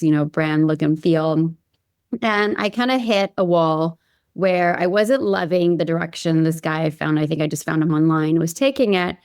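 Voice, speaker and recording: She has a fairly low, clean-toned voice, recorded in a clean studio without room sound. The speaker is a company founder from Hawaii, guesting on a podcast and casually recounting her own story, leaning often on "like" and "you know."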